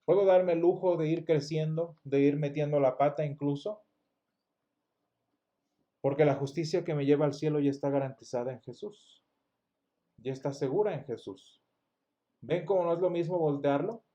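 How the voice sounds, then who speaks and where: A man's voice: fairly high pitch, moderate pace, pauses often, dark tone, lo-fi sound. Man teaching a church Bible lesson. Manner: explanatory, asks the class rhetorical questions; restarts words often. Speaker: Sunday school teacher.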